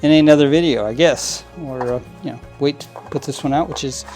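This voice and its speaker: A mid-range, slightly mellow male voice speaks fairly quickly over faint background music. The model train hobbyist channel host casually explains cleaning model trains hands-on at his work table, rambling, restarting, leaning on fillers, and chuckling frequently.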